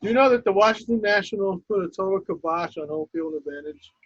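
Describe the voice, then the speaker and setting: A man's voice: high-pitched, a little fast, husky, muffled recording. A man co-hosting a sports talk show, blunt and teasing, swearing freely. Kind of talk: casual sports chat.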